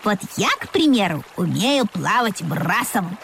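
A woman's voice: a little high, lively intonation, moderate pace, background noise, natural voice. A woman voicing a boastful, chatty female frog in a children's story, bragging in a self-important way.

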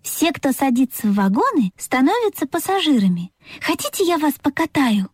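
A naive little male train from a children's storybook, gentle and eager to please, as a woman reads him. The voice sits high and light with plenty of lilt. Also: very animated, moderate pace, dry recording, studio quality.

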